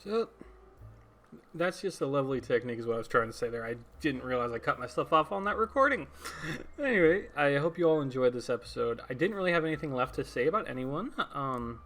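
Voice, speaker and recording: Young male podcast host, middle-pitched, casual and rambling, self-correcting with small laughs. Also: lively intonation, quick pace, fairly bright tone. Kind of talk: casual solo podcast talk.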